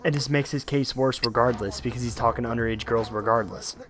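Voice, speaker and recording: A man's voice: medium pitch, steady tone, fast talker, over music. A young man around twenty co-hosting a casual podcast, talking bluntly in long run-on bursts. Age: young adult. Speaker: podcast co-host.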